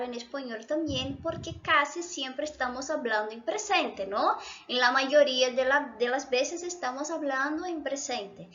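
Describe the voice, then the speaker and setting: A woman's voice: sits high, pushed and bright, muffled recording. A woman from Brazil, a native Portuguese speaker with a Brazilian accent, patiently explaining Spanish grammar and often checking in with her students. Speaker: Spanish teacher.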